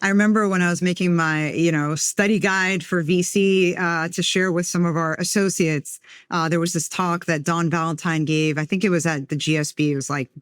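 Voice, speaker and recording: An American woman who invests in venture capital appears as a podcast guest, answering interview questions thoughtfully and often saying "you know" and "um." Her voice is lowish, and the studio recording is clean and dry.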